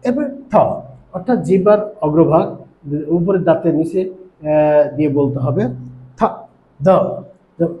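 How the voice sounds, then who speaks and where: A male teacher with a Bangladeshi accent explains pronunciation slowly, step by step, pausing often with "ah" fillers. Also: fairly high pitch, expressive, reverberant, highs cut off. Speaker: English teacher. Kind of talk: pronunciation lesson.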